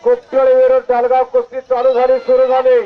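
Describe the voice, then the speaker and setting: A man commentating on a wrestling match over a loudspeaker outdoors, commanding the crowd and the referees. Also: very high-pitched, monotone, fairly quick, slight background noise. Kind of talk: live event commentary. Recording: muffled loudspeaker sound outdoors.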